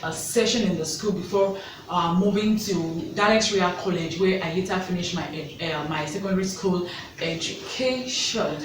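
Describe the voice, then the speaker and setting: A woman's voice: fairly low pitch, very echoey, far from the mic, background noise. A Nigerian woman in her thirties, chatting casually to her viewers in a get-to-know-me vlog and repeating words for emphasis. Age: 30s. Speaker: vlogger.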